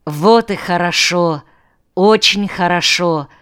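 A woman's voice: fairly low pitch, slow pace, fairly bright tone, smooth. A woman voicing a cheerful, dreamy male drinking companion in a playful, persuasive manner. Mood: delighted.

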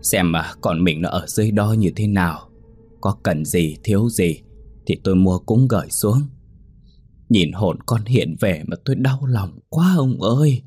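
A man's voice: fairly low pitch, animated, a little slow, mellow, breathy edge, no room sound, faint music behind. A man voicing a frail, grieving older mother who speaks faintly and wearily. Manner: faint, weary, trailing.

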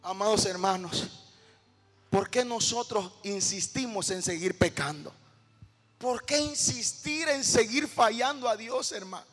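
A man preaching a sermon as a pastor, pleading and impassioned, at times swelling to shouts. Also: extremely high pitch. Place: church sanctuary. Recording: long church hall reverb.

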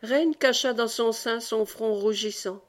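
A woman reading a classic novel aloud as an audiobook, with a measured storytelling delivery. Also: a little high. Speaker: audiobook reader.

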